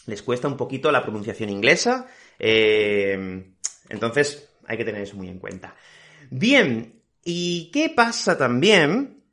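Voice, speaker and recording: Spanish-accented male teacher for a learner podcast: animated intonation, patient, repeats words, keeps asking "ok?". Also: mid-range voice. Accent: Spanish, Spain. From Spain. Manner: repeats key words slowly and checks with "¿ok?".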